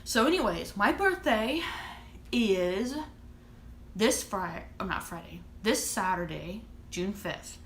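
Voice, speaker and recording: A woman in her thirties, a vlogger and author, chats casually to camera, rambling and restarting her thoughts. Her mid-range voice is animated, slow and a bit bright. The room is echoey, with slight background noise.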